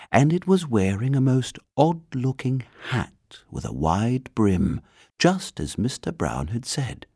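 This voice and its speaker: A man reading a children's storybook aloud in an expressive storytelling manner. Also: on the low side, no echo, clean studio sound. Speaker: narrator.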